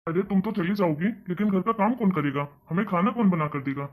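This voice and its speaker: A man's voice: sits high, brisk, narrow, tinny audio. A man voicing a grumpy older father in a cartoon story, grumbling and scolding. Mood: worried. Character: grumpy older father, husband of the mother-in-law. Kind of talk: cartoon voice acting.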